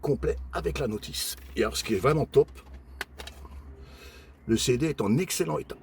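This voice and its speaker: In his relaxed vlog, an older collector shows off flea-market finds one by one, pausing often, using plenty of fillers and talking warmly to his audience. He speaks at medium pitch with vocal fry, and a little hiss or hum is audible.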